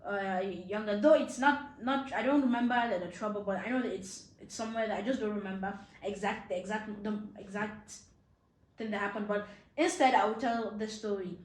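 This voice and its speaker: A woman's voice: medium pitch, fairly quick. A young woman from Nigeria hosting a casual chat with her mother, talking in a playful way with many fillers and restarts. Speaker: host. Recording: echoey room.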